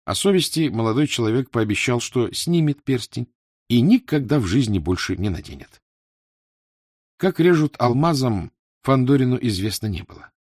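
A man narrating a literary novel in a measured, expressive way. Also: mid-range voice, dry recording, studio quality. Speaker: audiobook narrator.

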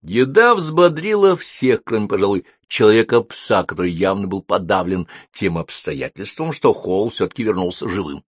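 A man narrating a storybook as an audiobook, with expressive storytelling. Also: deep voice, moderate pace, few pauses, slightly rough, no echo, clean studio sound.

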